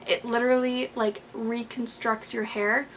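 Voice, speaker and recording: A woman's voice: a little high, little pitch movement, measured pace, a bit bright, slight background noise, low-quality recording. A young woman in her twenties chatting through her favorite beauty products in a home vlog, rambling with lots of fillers and a little out of breath. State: slightly out of breath. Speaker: beauty vlogger. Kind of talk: casual monthly favorites vlog.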